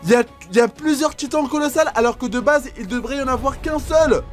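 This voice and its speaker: A man reacting to videos as a YouTuber, giving excited commentary full of exclamations and gasps. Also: very high voice, fast, faint music behind.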